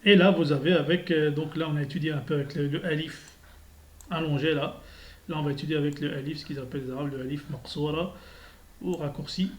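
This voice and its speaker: A man teaching a beginner Arabic lesson, reading syllables slowly and deliberately and clearing his sore throat often. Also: a little high, steady tone.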